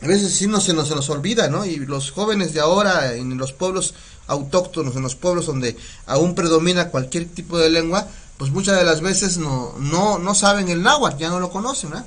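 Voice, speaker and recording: A man's voice: a little high, a bit bright. A man with a Mexican Spanish accent teaching words on a live community radio broadcast, patient and repeating each word, often checking in with his listeners. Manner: patient, repeats words slowly, asks "¿sale?". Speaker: Nahuatl language teacher.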